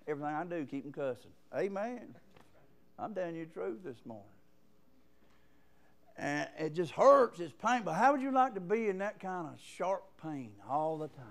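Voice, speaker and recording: A man preaching a sermon in a church, punctuating his points with calls of "amen" and rising to loud emphasis. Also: a little high, expressive, normal speed, gravelly. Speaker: guest preacher. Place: church sanctuary.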